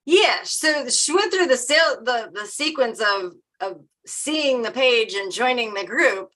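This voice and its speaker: A woman's voice: on the high side, lively intonation, measured pace, sharp tone, poor audio. A woman from Maryland co-hosting a live stream, chatting casually and laughing often. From Maryland, USA.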